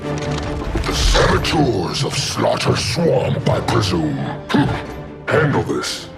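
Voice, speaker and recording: Gorilla supervillain, gravelly, slow grandiose delivery, wildly swinging pitch, game cinematic. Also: male voice, very animated, full character voice. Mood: cold, commanding. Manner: grandiose, commanding oratory. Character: Gorilla Grodd, imperious super-intelligent gorilla warlord and villain. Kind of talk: scripted video game drama. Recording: loud music underneath.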